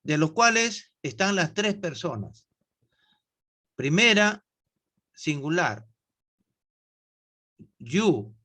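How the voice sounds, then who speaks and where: A man teaches an online English class, explaining grammar slowly and patiently. His voice is bright and a little high for a man. He keeps checking in with his students as he goes. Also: big pitch swings. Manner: slow, patient, asks students questions.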